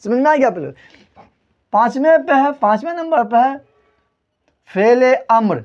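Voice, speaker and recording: A man's voice: extremely high pitch, expressive, darkish tone, muffled recording. A man teaching a grammar lesson at a board, who keeps asking the class questions, answers them himself and spells words out letter by letter. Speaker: Urdu teacher.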